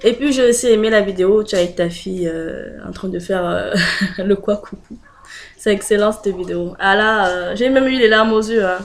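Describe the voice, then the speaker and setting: A woman's voice: mid-range voice, a little fast. A woman with a French accent chatting casually to her viewers, hesitant and full of fillers, laughing often. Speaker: video blogger. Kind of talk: casual direct-to-camera chat.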